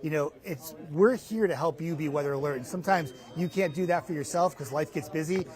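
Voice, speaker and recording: A middle-aged TV meteorologist gives a live interview on a lapel mic from inside a hardware store during a remote broadcast, explaining things conversationally and with emphasis. His voice is a little high, brisk, and a little mellow.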